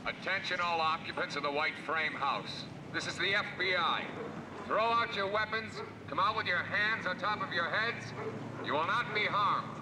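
An actor playing a federal agent who calls out slow, commanding surrender orders through a megaphone, in a crime TV drama. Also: male voice, sits high, noisy background. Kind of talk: scripted 1970s TV crime drama. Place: outdoors in a street. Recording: distant echoing megaphone call outdoors.

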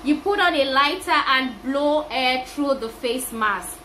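A woman's voice: high voice, expressive, takes it slowly, bright, forceful tone. A woman in a casual how-to vlog, talking through a face mask, chatty and laughing at herself. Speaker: vlogger. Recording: echoey room, faint background hiss.

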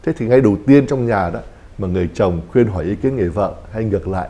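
Priest, man, rapid explanatory talk, dark mellow tone. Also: lowish voice. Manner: explanatory, acts out little quoted dialogues. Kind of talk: pastoral talk show discussion.

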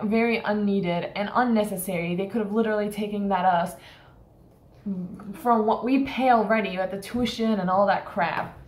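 The reverberant audio of a small indoor room carries a young woman's mid-range, slightly mellow voice. She's a college student from Turkey, venting frankly in a casual vlog and using plenty of fillers.

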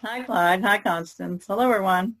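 A woman painter, a regular on an artists' podcast, speaking softly and hesitantly on a video call. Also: mid-range voice, moderate pace. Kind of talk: casual video-call chat.

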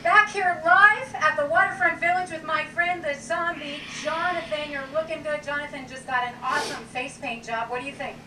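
High-voiced woman reporter, distant and echoey. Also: fairly even intonation, normal speed, hardly any pauses. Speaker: local TV news reporter. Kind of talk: live on-location news report. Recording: noisy, distant replayed TV clip, echoey.

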